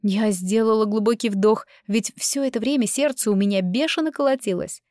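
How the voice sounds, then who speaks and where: A woman reads a first-person story in a calm, measured way. Her voice sits at a middle pitch, and the recording is close and dry, with no room sound. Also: dry recording. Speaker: audiobook narrator. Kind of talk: scripted narration.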